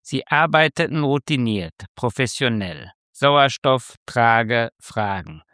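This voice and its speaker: A man reading a tense story aloud as narrator, with slow, measured delivery. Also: medium pitch, animated, sharp tone, no echo, clean studio sound. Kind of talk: scripted narration.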